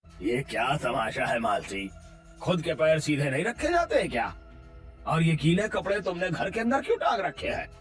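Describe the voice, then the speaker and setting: A man voicing an angry, gruff shopkeeper husband in a cartoon. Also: sits high, sing-song, moderate pace, a bit bright, soft background music. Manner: gruff, scolding.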